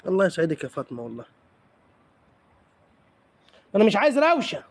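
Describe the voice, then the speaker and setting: Egyptian guy on a live stream, teasing his viewers, voice a bit high and husky. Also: huge pitch swings, rapid-fire. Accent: Egyptian Arabic. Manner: playful, teasing, answering comments.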